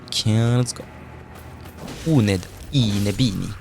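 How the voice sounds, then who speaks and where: A man's voice: fairly low pitch, takes it slowly, gravelly, a little mellow, faint music behind. A man streaming a video game live, chatting casually with his viewers, joking and swearing as he plays. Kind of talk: live gameplay commentary.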